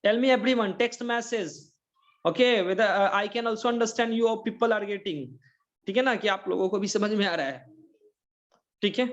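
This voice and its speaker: A man's voice: high-pitched, slow pace, muffled recording. A man with an Indian accent teaching an online English lesson, mixing Hindi and English and often checking whether students follow. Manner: mixes Hindi and English, repeats checking questions. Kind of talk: online English grammar lecture.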